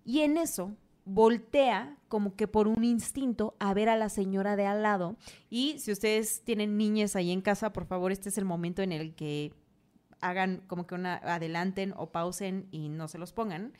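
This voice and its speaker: A woman's voice: medium pitch, moderate pace. A young woman with a Mexican accent, a podcast host telling a scary story in a casual, slangy, dramatic way. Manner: animated, slangy, dramatic retelling.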